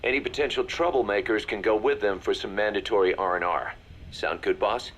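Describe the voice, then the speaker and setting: A male actor voices a serious military second-in-command in a video game, delivering a businesslike, measured briefing. His voice is on the low side and a bit bright, and he sounds displeased.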